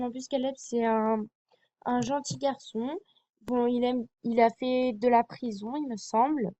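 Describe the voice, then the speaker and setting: A woman's voice: fairly high pitch, mellow, no room sound. A young woman presenting a TV series to her viewers in a casual fan vlog, hesitant and full of fillers and apologies. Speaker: fan vlogger.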